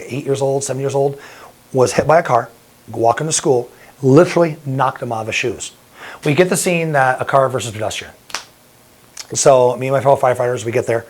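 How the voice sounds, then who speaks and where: A middle-aged man speaks at an ordinary pitch, recounting a personal story straight to the camera. He talks earnestly and lets his emotion show. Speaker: bodybuilding promoter and firefighter.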